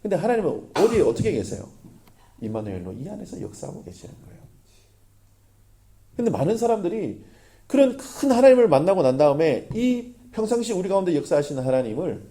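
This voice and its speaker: A man preaching a sermon as pastor, lively, often asking the congregation questions. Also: high voice, brisk.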